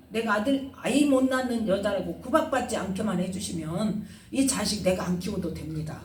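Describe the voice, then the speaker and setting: A woman's voice: on the high side, darkish tone, roomy sound, distant mic, a little hiss or hum. A woman pastor preaching a sermon, asking the congregation questions and retelling scenes with feeling. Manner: call-and-response questioning, dramatic retelling.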